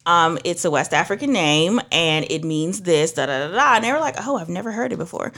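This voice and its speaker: Speaking a little fast in a lowish voice, this young Trinidadian minister and beauty professional chats casually and spins animated stories. She performs the other characters' lines, voicing what they said.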